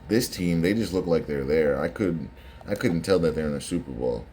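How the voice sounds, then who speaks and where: A man's voice: extremely low pitch, animated, moderate pace, mellow, slight background noise. A man giving casual, conversational reaction commentary on sports footage, often repeating phrases for emphasis.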